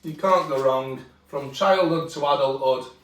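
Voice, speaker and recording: A man's voice: medium pitch, unhurried, a bit bright. A man with a Yorkshire accent, chatting bluntly and jokily as he co-hosts a snack taste test. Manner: blunt, jokey, broad dialect. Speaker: co-host of a cooking channel. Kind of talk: casual chat during a taste test. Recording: echoey room, mic at a distance.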